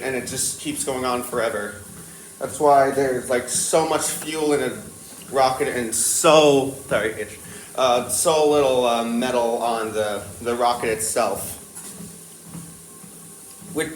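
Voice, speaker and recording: A teenage boy chatting casually to himself into a tablet, hesitant and stop-start, his train of thought wandering. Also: medium pitch. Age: teenager, born around 2010. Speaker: vlogger. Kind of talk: rambling casual solo chat. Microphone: talking to a tablet. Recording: echoey room with faint background noise.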